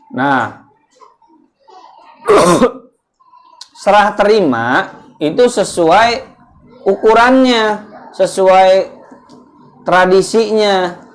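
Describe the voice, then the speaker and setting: Male religious teacher, casual and conversational, leads a home study session by quizzing the group. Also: high voice. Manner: conversational, quizzes the listeners with questions. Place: indoors at a home gathering.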